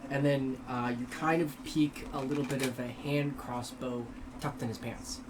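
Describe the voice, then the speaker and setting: A man's voice: medium pitch, steady tone, normal speed, noisy background. A man narrating a tabletop game as game master, hesitant with many fillers. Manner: hesitant, many ums and restarts.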